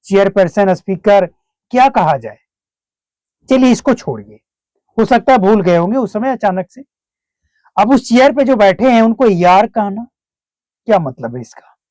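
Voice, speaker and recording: A man's voice: high-pitched, very animated, a little slow, pauses often, a little mellow, dry recording. A man commenting on a political clip, lecturing with rhetorical questions. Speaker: news commentator.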